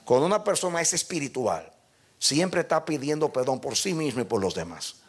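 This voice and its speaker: A man's voice: on the high side, very animated, brisk, slightly rough. An older male pastor preaching a sermon, emphatic and speaking directly to his congregation.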